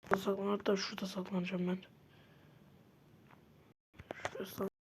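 A woman giving casual gameplay commentary who gets easily frustrated and bursts into loud protests. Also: medium pitch, flat delivery, a little fast, background noise. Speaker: gamer.

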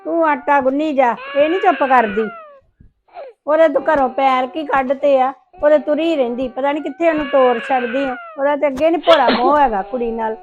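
A woman's voice: high-pitched, brisk, lightly acted. A woman playing an older aunt who complains and scolds while minding a crying baby. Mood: fretful. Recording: dull lo-fi sound with crowd noise.

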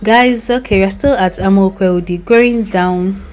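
A woman's voice: mid-range voice, measured pace, darkish tone, a little hiss or hum. A young Nigerian woman narrating her road trip in a chatty, recommending voice-over with loose asides. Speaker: vlogger. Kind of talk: travel vlog voice-over.

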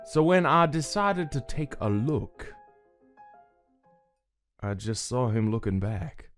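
A suave cartoon casino manager with a dice for a head, performed by a man. His delivery is lively and showy, smooth as he tells his tales, with music underneath. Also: mid-range voice, slow. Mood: sly, confiding. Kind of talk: animated comic dub.

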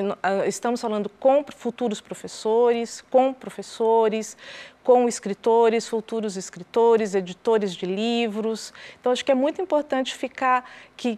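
A woman interviewing a guest in an educational conversation, speaking thoughtfully and hesitantly with many restarts. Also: fairly high pitch.

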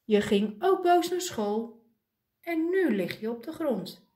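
A woman voicing a kind male penguin friend who reasons calmly and gently. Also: fairly high pitch, slow pace, roomy sound. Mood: caring.

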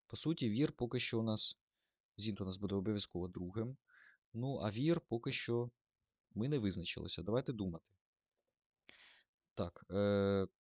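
A man's voice: on the low side, no echo, highs cut off. A man teaching German grammar in a lesson, thinking aloud with fillers and self-corrections.

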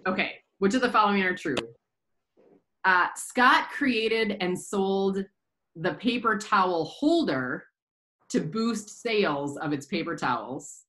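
A woman's voice: mid-range voice, expressive, takes it slowly, a bit bright, poor audio. A woman hosting a casual staff quiz, reading questions and often breaking into laughter. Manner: giggly, keeps breaking into laughter. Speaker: quiz host on a staff podcast.

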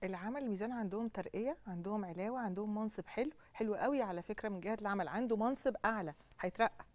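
This is an Egyptian woman appearing as a guest astrologer on a studio talk show. She talks at a very rapid clip and lays out her points confidently, one after another. Her pitch sits in the middle range. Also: a little mellow, dry recording. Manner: explains confidently in lists.

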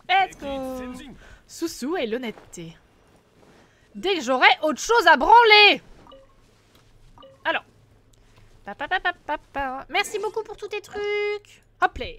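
A Twitch streamer with a high, bright, forceful voice chats casually and playfully with her viewers live. She teases them and hums or sings syllables between lines.

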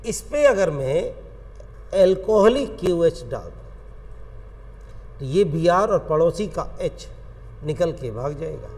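A man with an Indian accent, teaching a chemistry lecture in an animated, coaxing way and addressing students as friends. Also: fairly high pitch, slow pace, long pauses, in a large hall. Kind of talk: classroom lecture.

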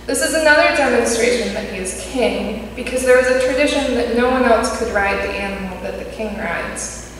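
A young woman preaching a sermon from a pulpit, reading in a measured way. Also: fairly high pitch, a crowd in the background. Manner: measured, read from notes at a pulpit. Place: church sanctuary. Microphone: pulpit mic at a distance. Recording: echoey church hall, distant mic.

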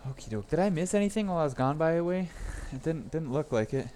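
A man's voice: a little high, expressive, quick pace, warm tone, slight background noise. A young man chatting casually with viewers on a live stream while repairing a phone at his workbench, rambling and laughing as he goes.

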